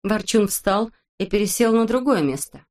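A woman reading a children's book aloud as narrator, in a clear, expressive manner. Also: mid-range voice, normal speed.

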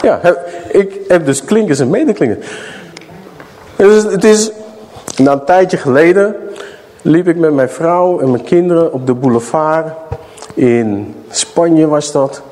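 Middle-aged guy preaching in a church hall, high lively voice, talks slow and asks the crowd stuff. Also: a little hiss or hum. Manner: questions the audience, dramatic slow emphasis. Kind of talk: sermon.

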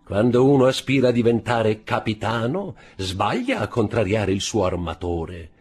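A man reading an audiobook, voicing a coarse, nosy middle-aged neighbor who teases and pries loudly. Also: fairly low pitch, lively intonation, normal speed, breathy edge, pitched above the performer's own voice. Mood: teasing. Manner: loud, teasing and prying.

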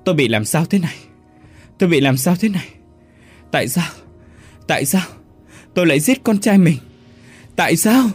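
A man voicing a young mother screaming in horror and confusion, in a shrill, frantic voice. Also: animated, moderate pace, long pauses, slightly rough, soft background music. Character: young woman panicking after killing her son.

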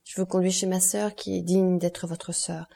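Ardent young lover read by a woman narrator, urgent and earnest, soft warm tone. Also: on the low side, little pitch movement, normal speed, creaky. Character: young man, ardent, passionate, desperate lover. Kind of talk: audiobook character reading.

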